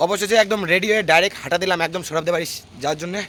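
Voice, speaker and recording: A hoarse young man chatting casually as a vlogger, walking around a crowded outdoor fair and talking excitedly to his viewers. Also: high voice, slight background noise. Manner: fast, excited, calls out often to friends and viewers. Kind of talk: casual vlog chat.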